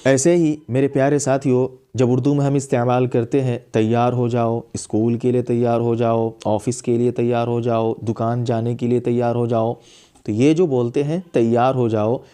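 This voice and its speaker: A man gives a spoken English lesson in a mellow, warm voice of ordinary pitch. He states each English command slowly and says it over two or three times so learners can follow. His delivery stays calm and explanatory throughout. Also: smooth. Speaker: English teacher.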